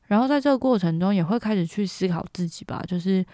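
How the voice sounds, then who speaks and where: A woman's voice: medium pitch, lively intonation, fast, warm tone, no echo, studio quality. A young woman from Taiwan hosting a podcast, telling a story in a chatty, casual way and stringing clauses together with fillers. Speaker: podcast host.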